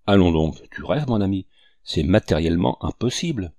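A man's voice: low voice, expressive, moderate pace, dark tone, dry recording, clean studio sound. A man voicing a hearty French general in chief, courteous and commanding. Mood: grave.

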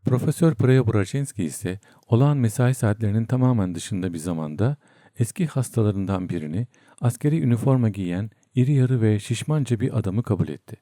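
Dark, deep male storyteller. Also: dry recording, clean studio sound. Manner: steady, measured storytelling. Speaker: narrator. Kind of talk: audiobook narration.

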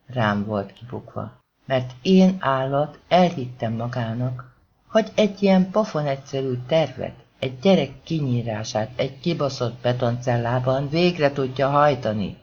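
A menacing gangster, voiced by a man in an audiobook, speaking slowly and loudly with cold, controlled fury. His pitch swings widely between words. The recording is dull and lo-fi. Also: very animated, husky. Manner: quiet, commanding, threatening, swearing. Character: menacing male gangster, calm yet furious.

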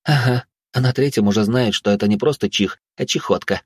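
A man's voice: on the low side, brisk, a little mellow, breathy edge, dry recording. A man voicing a brash young woman fighter who teases and snaps at others. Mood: mocking. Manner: teasing, snappy. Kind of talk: audiobook character voice.

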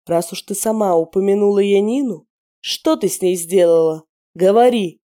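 A woman's voice: medium pitch, normal speed, warm tone, natural voice. A woman voicing a stern young male werewolf interrogator who speaks in curt, commanding orders, in an audiobook.

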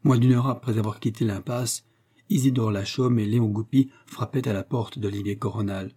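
A man narrating a novel as an audiobook, steady and measured. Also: on the low side, slightly rough. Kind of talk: novel reading.

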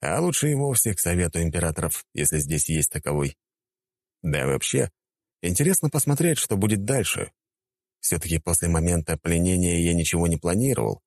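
A man narrating an audiobook in the first person, wry and expressive. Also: deep voice, dry recording.

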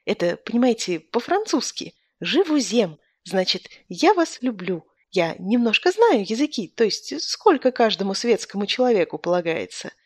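A woman's voice: mid-range voice, sing-song, moderate pace, few pauses, slightly rough, dry recording. Woman doing a fawning, giggly lodger. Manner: ingratiating and tittering. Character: fawning middle-aged male lodger, giggly.

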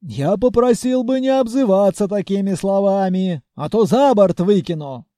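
A man reading an audiobook, voicing a pompous, boastful male suitor who blusters loudly. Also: high-pitched, lively intonation, normal speed, no echo, studio quality. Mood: threatening.

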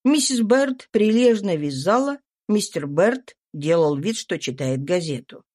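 A woman narrating a classic novel as an audiobook in a measured storytelling manner. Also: medium pitch, lively intonation, dark tone. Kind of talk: scripted narration.

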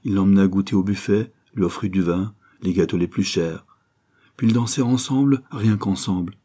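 A man reading a novel aloud as audiobook narrator, steady and expressive. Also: low voice, moderate pace, husky.

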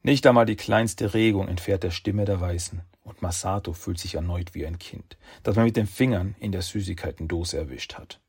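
A man narrating a dramatic scripted story with a smooth, measured, read-out delivery. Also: sits low, darkish tone.

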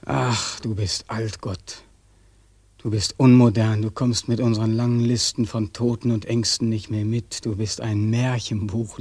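A young soldier home from the war in a radio drama, bitter and full of accusation. His dark, mellow voice moves between quiet mockery and anguished outbursts. It is recorded close and dry. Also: lowish voice, dry recording.

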